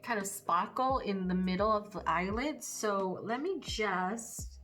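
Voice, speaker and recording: A woman's voice: medium pitch, animated, measured pace, a bit bright, faint music behind. A woman chatting casually and a little hesitantly through a makeup tutorial, thinking aloud as she goes. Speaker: makeup vlogger.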